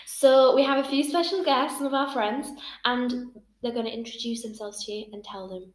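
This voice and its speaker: A 21-year-old woman hosts a relaxed podcast chat, her voice sitting a little high. She talks in a friendly, meandering way, full of fillers. The room around her gives a noticeable echo. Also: normal speed. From England. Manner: chatty, laughs often, uses "like" a lot. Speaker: podcast host. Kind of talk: casual chat. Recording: roomy echo.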